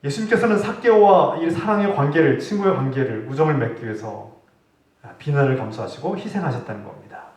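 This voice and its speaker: A man preaching a sermon as pastor, his voice rising for pointed rebukes and falling for quiet points. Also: on the high side, expressive, a little fast. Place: church sanctuary. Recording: echoey hall, distant mic.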